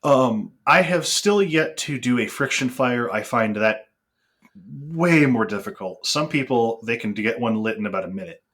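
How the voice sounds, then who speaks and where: Man, mid-pitched, earnest and reflective, podcast conversation. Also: lively intonation, normal speed, fairly bright tone.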